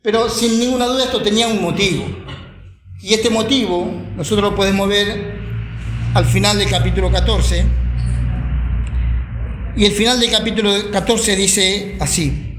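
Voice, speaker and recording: A man preaching a sermon and reading scripture aloud, slow and deliberate, repeating words for emphasis. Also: sits high, background noise. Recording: echoey room.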